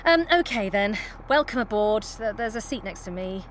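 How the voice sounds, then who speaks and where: A woman's voice: medium pitch, lively intonation, moderate pace, background noise, close to an everyday voice. A woman voicing a harried, sensible young mum who speaks in a wary, matter-of-fact way.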